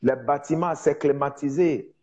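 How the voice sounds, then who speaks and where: A man preaching in French with a foreign accent, a non-native speaker teaching informally on evangelism, with emphatic repetition and halting searches for words. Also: on the high side, mellow, lo-fi sound. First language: not French, speaks it as a second language. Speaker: preacher, prophet.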